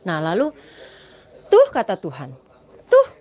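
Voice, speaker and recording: This testimony speaker has a lowish voice whose pitch swoops wildly, and she takes her time. She recounts her personal story dramatically, often addressing the audience as "Saudara," on a dull lo-fi recording.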